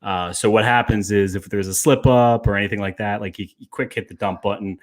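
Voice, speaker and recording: A man who works in sports radio, speaking as a guest in a casual chat. His voice is smooth and sits a little low. He tells stories in a relaxed, easy way. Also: a little fast. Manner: relaxed, laid-back storyteller.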